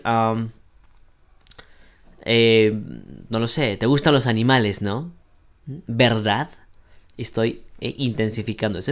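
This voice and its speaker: A male language teacher giving an online class, explaining grammar patiently in Spanish with many short examples. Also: mid-range voice. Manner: greets brightly in English, then explains in Spanish. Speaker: English teacher.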